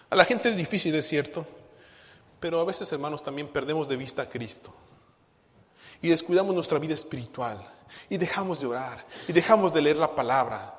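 With a fairly high voice, a pastor preaches to his congregation, swinging between quiet asides and loud bursts and acting out short quoted voices. A long church-hall reverb rings around his sermon.

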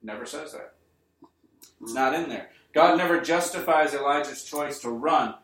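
A male preacher giving an earnest sermon to his congregation, building up to emphatic points and then easing into quiet appeals. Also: fairly high pitch, normal speed. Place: church. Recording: roomy church sound, mic at a distance.

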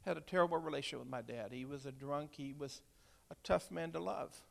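Older male preacher, 60s, gravelly and high-pitched, heartfelt testimony from the pulpit. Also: a little fast. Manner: heartfelt, storytelling, swings from hushed to loud. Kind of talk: emotional sermon testimony.

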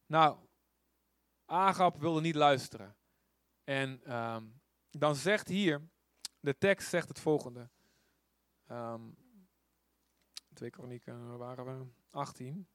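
Male preacher, informal and animated, fond of rhetorical questions, dry close sound. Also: medium pitch, slow, long pauses, dry recording. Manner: animated storytelling with acted quotes. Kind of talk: conversational sermon.

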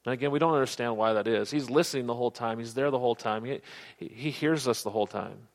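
A man preaching a sermon, earnest, often dropping to soft, low tones for emphasis. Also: fast talker. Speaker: pastor.

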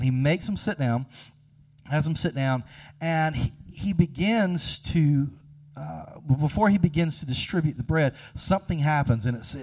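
Guy pastor in his 30s giving a sermon, a bit high-pitched, joking around then slowing down to hit the point. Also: a little mellow. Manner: conversational and humorous, acting out little scenes; slows and stresses key phrases.

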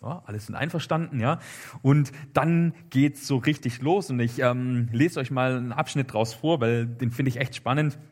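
A man preaching a sermon, retelling a Bible story in a casual, lively storytelling way with frequent fillers. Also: medium pitch, moderate pace.

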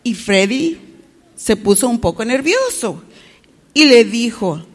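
A woman's voice: fairly high pitch, slow, big-room sound. A woman telling a story to children, often stopping to ask them questions. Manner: asks the children questions, animated.

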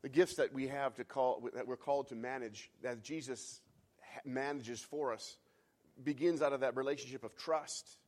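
Guy preaching a sermon, goes from hushed to really fervent, repeats lines for effect. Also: medium pitch, fairly even intonation, moderate pace. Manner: builds from hushed reflection to fervent, loud climaxes; repeats phrases for emphasis, some restarts and fillers. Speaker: pastor.

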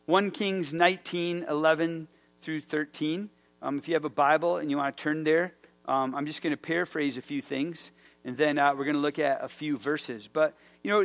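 Leaning on fillers and often starting his sentences over, a pastor delivers a loose, chatty sermon. His somewhat higher-than-usual male voice stays relaxed while he tells the story with plenty of energy.

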